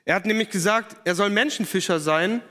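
A man giving a casual, lively youth sermon and using slang. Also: high voice, a little fast. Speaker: youth pastor. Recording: long hall reverb.

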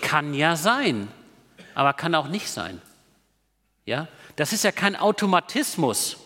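A man delivering a sermon with a somewhat high voice that moves a lot in pitch. He talks to the congregation conversationally, often checking in with quick tag questions. His voice rings out with a long reverb, as in a big hall. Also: very animated, sharp tone. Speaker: preacher.

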